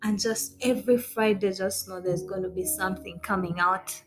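A woman's voice: medium pitch, fairly even intonation, normal speed, poor audio. Bubbly woman hosting a faith podcast. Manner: bubbly and effusive, laughing often. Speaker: podcast host. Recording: clear background music under voice.

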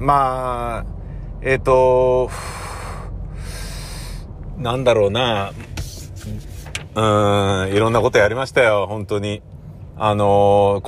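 A man hosting his own channel, rambling in a casual, self-mocking monologue from inside a car. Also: a little hiss or hum. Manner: rambling, self-mocking, lively pitch swings. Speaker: channel host.

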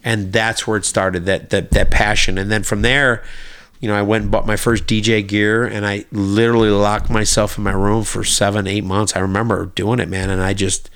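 Low-voiced American man telling his story casually. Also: fairly bright tone, clear, resonant tone. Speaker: podcast guest, DJ and producer.

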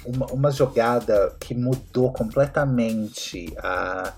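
Animated Brazilian man telling stories. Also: medium pitch, takes it slowly, faint music behind. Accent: Brazilian Portuguese. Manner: animated storyteller, acts out dialogue. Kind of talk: casual chat.

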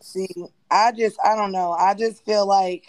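A woman hosting a casual podcast chat, talking in a relaxed, slangy way and drawing out her phrases. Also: mid-range voice, a little slow, rough recording. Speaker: podcast host.

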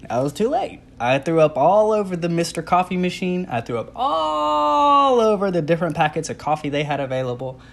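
A young man telling a comic personal story in a casual, animated, self-deprecating way, acting out his own reactions. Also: sits high, fairly quick, vocal fry, few pauses.

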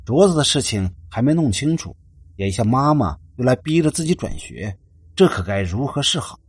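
A man narrating a ghost story in an expressive, dramatic reading style. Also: medium pitch, moderate pace, slightly rough, no room sound.

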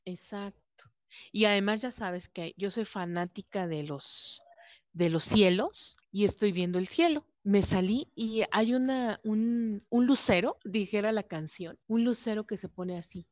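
A woman's voice: mid-range voice, measured pace, no echo. A woman with a Mexican accent chatting casually as a podcast co-host, telling stories and acting out what others said. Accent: Mexican Spanish. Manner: chatty storytelling that acts out quoted voices. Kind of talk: casual chat. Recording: dull lo-fi recording.

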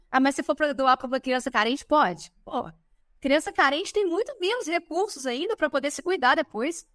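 A Brazilian podcast guest in her thirties chats casually in a high voice, lively and talkative, often ending sentences with a questioning "né?". The recording is dry, with clean studio sound.

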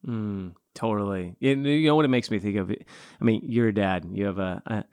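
Easygoing low-voiced man. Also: normal speed, a little mellow, smooth, no room sound. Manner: easygoing, affirming, tells anecdotes about his son. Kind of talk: casual faith conversation.

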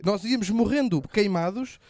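A man telling stories in casual banter, animated, slangy and full of swearing. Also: sits high, normal speed, no echo, clean studio sound. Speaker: podcast host.

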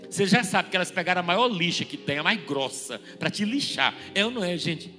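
A man preaching in church with a high, bright voice, talking fast and animatedly with a joking tone. Soft music plays faintly behind him. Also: expressive. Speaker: pastor. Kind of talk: sermon.

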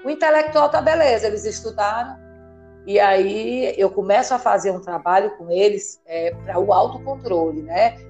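Brief: emphatic Brazilian woman therapist in interview, animated explainer, faint music underneath. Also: medium pitch, moderate pace. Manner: animated, emphatic, asks listener "entendeu?" often. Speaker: therapist guest.

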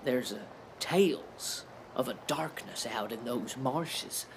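Man playing an old barkeep, fatherly and folksy, gravelly, slow drawl, pitch swinging wide. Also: lively intonation, background noise. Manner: drawling, homespun sayings. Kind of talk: audio drama acting.

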